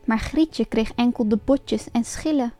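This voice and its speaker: Woman storyteller with a fairly high voice, reading a fairy tale aloud, lively and expressive. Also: unhurried. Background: faint music.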